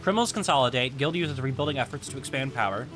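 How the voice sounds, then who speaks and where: A man streaming a game live, chatty and excitable, swearing and reacting out loud. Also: medium pitch, fast. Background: game music.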